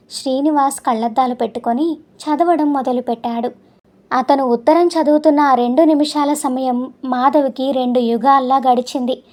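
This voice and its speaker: A woman narrating a story in a measured, emotive reading style. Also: high-pitched, mellow. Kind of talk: scripted narration.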